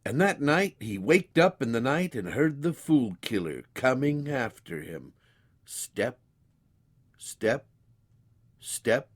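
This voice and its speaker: Narrating a storybook tale folksily, a man lets his pitch swing expressively up and down. He takes it slowly with long pauses, in a dry recording that has no room sound.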